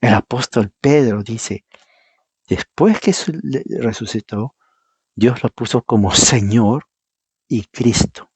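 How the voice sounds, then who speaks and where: A man's voice: mid-range voice, slow pace, darkish tone, breathy edge, dry recording. A man preaching a Bible teaching sermon, reading verses aloud and explaining them, emphatic and firing rhetorical questions at the congregation.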